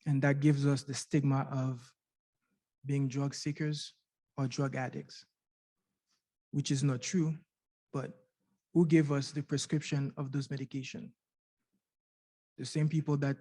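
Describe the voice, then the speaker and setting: A mellow, medium-pitched man speaks in a level, unhurried way with frequent pauses. He is a middle-aged Canadian giving an earnest testimony about his experience as a patient in a university conference room, repeating words and asking rhetorical questions.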